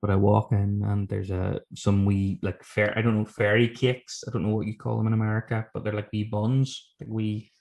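A man from talks in a fairly low voice. He tells anecdotes casually as a guest, rambling along with self-deprecating humor and plenty of swearing. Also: level tone, normal speed, creaky, hardly any pauses, a little mellow. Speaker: guest author telling stories from his book.

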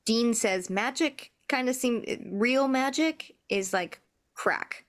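A woman's voice: on the high side, takes it slowly. A woman co-hosting a podcast, recapping a TV episode in easygoing chat and laughing often. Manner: easygoing, laughs often, many "like" and "you know". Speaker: podcast co-host.

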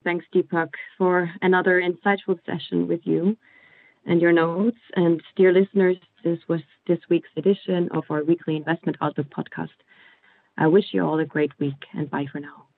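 A man's voice: fairly high pitch, little pitch movement, normal speed, vocal fry, no room sound. A man hosting an interview podcast in a polite, formal way. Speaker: podcast host. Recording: dry but phone-like narrow sound.

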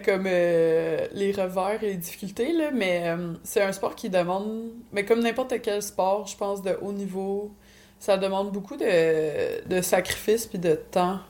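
Quebec french woman chatting in an interview, kinda low voice, takes her time, tosses in english words. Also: darkish tone. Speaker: Muay Thai fighter and coach. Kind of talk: casual interview answers.

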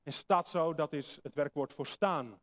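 High-voiced preacher explaining scripture. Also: male voice, measured pace. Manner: explanatory, asks the congregation rhetorical questions. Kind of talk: sermon with Bible reading.

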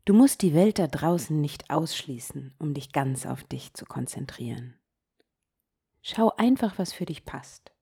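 Slow, breathy, low-voiced woman guiding meditation. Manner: slow, soft-spoken, gently guiding, drops into whispers. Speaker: meditation podcast host. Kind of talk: guided meditation.

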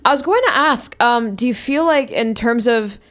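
A woman's voice: a little high, moderate pace, fairly bright tone. A young woman college student chatting casually and agreeing often. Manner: agreeable, frequent backchannels. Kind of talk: casual chat.

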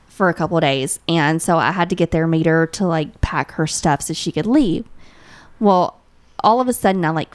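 A woman in her thirties, co-hosting a podcast and telling a funny story in casual chat with a laughing, animated delivery. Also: sits low, no room sound. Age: 30s. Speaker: podcast co-host.

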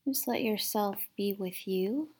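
Female meditation guide, soft soothing delivery, very slow pace, medium pitch, long pauses. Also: slightly rough. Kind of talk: guided meditation, instructing listeners to relax and breathe.

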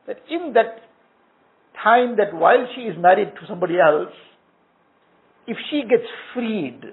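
A man's voice: high voice, vocal fry. A man giving an earnest storytelling sermon, with Arabic phrases woven into his talk. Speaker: Islamic preacher. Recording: tinny phone-like sound.

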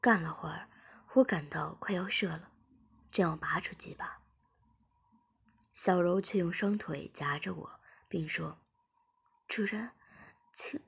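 A woman narrating an erotic story in a soft, intimate reading voice that often drops into a whisper. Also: lowish voice, measured pace, gravelly, long pauses, husky.

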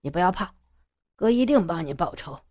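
A protective young village man, put on by a woman storyteller, speaks in a low, husky voice. He presses his questions with urgent earnestness, like a figure in an audio storybook. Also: lively intonation, a little fast, darkish tone. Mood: worried.

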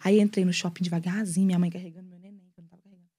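Fast-talking young woman telling a story. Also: lowish voice, slightly rough. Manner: animated, storytelling with lots of quoted dialogue. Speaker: guest, mother sharing her story. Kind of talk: casual podcast conversation.

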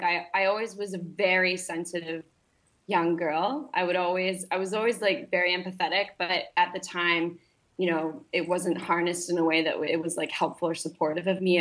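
A woman's voice: fairly low pitch, fairly bright tone. A young woman, a nutritionist guest, telling her personal story earnestly with many fillers and restarts. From grew up internationally, partly in Malaysia. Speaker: podcast guest, holistic nutritionist.

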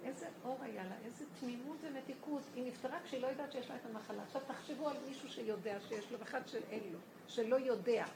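Gravelly woman giving an emphatic spiritual talk. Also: sits high, hardly any pauses. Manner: emphatic, appeals directly to listeners. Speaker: religious teacher telling stories of a rabbi. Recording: echoey room with background noise.

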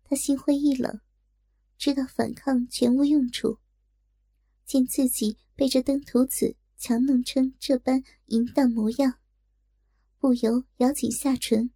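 A woman narrating a story in a slow, deliberate storytelling manner. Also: sits high, steady tone, warm tone, slightly rough, dry recording, studio quality.

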